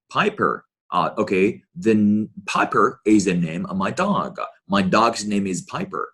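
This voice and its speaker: A man with a very low, husky voice teaches English. His pitch moves a lot as he talks to his students. He slows down to repeat phrases clearly. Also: a bit bright. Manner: repeats phrases slowly, addresses students often. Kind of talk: online English lesson.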